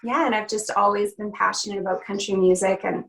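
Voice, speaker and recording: A young woman from Canada talks as a guest in a relaxed video-call interview. She is chatty and upbeat, laughing easily between thoughts. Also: mid-range voice, brisk, creaky, low-quality recording. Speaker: country singer, interview guest.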